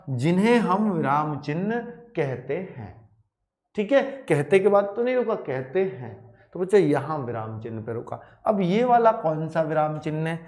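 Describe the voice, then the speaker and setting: A man teaching a Hindi grammar class in a slightly high voice that swings up and down a lot. He talks to his students as children and keeps repeating key points and asking whether they follow. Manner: animated, addresses students as children, repeats and asks checking questions. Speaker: Hindi teacher for police exam prep. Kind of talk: classroom lecture to exam students.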